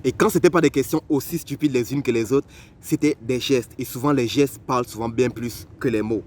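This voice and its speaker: A young man from Africa telling personal stories to the listener in a lively, conversational way. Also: mid-range voice, a little fast. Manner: animated, conversational, addresses the listener directly. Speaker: vlogger. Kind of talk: personal storytelling.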